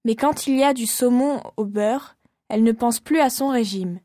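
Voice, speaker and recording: A woman's voice: on the high side, normal speed, warm tone, no echo, studio quality, natural voice. A woman playing a chatty young family member in a scripted language-course dialogue.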